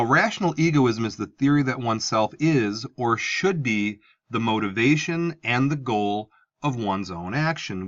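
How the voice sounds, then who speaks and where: A man's voice: mid-range voice, a bit bright, highs cut off. Man teaching a philosophy lesson. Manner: explanatory, conversational, asks for an open mind. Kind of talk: classroom lecture video.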